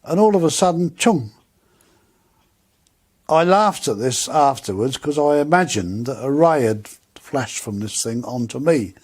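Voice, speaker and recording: A man's voice: medium pitch, lively intonation, a little slow, darkish tone, breathy edge. An older man, telling a personal story animatedly and acting out the dialogue. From England. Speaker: UFO contactee.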